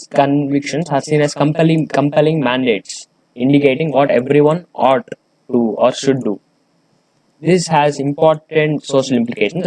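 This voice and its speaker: A man's voice: on the high side, warm tone, rough recording. A man reading a research paper aloud and explaining it, hesitant, with many fillers and restarts.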